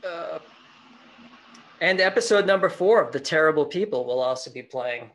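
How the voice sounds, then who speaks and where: A man's voice: a little high, expressive, moderate pace, fairly bright tone. A man co-hosting a podcast, talking about old films in a thoughtful, wandering way. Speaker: podcast co-host. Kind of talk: casual film discussion.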